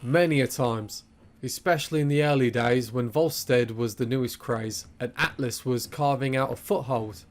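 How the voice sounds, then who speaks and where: A man's voice: medium pitch, normal speed, lightly acted. A man voicing a wry, grandiloquent undertaker in a cartoon fan dub, with a wordy, theatrical, sardonic delivery. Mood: wry storytelling. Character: wry, grandiloquent male undertaker and bootlegging accomplice. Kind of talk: animated fan dub acting.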